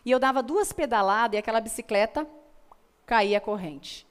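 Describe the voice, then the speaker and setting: A woman's voice: on the high side, a little fast, clear, resonant tone. A Brazilian woman speaking as a motivational guest, telling personal stories in an earnest, emphatic way and repeating phrases for effect. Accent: Brazilian Portuguese. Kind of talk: motivational storytelling conversation.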